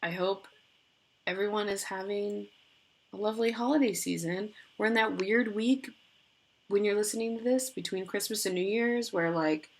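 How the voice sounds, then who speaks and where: A woman co-hosts a podcast from a video call, talking in a loose, rambling, chatty way. Her voice sits at an ordinary middle pitch. She strings her thoughts together with plenty of casual filler words. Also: moderate pace. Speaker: podcast co-host. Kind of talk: casual chat.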